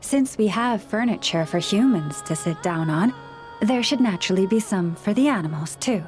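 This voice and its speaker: A woman gives voice to the Moon Chanter, a gentle young video game figure who looks after people and animals as a calm, earnest, measured counselor. Her pitch is medium, her delivery close to everyday talk, with music in the background.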